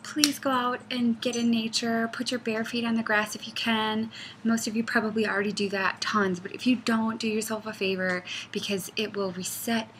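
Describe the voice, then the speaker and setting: Woman, crafter, rambling chatty tutorial, bright slightly high voice. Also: moderate pace, slight background noise, rough recording. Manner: rambling, chatty, goes off on tangents; animated, laughs often. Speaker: knitting pattern designer.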